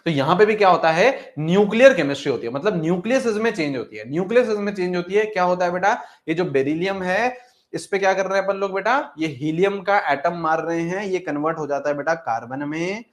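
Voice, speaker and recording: Man, chemistry coaching lecture, fairly high voice, repetitive and coaxing, voices student questions himself. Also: fast. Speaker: chemistry teacher.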